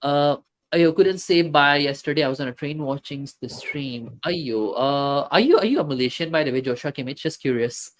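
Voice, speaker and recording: A man hosting a football live stream chats casually and reads out chat comments, his voice a little high. He speaks haltingly and hesitantly, with lots of "uh" and many restarts.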